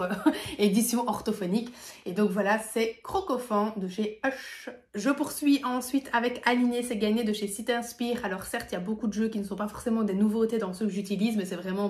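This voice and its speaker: A woman's voice: medium pitch, a little mellow. A woman speech therapist chatting casually about the materials she uses, with many fillers and easy laughs. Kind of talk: casual video presentation. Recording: echoey room.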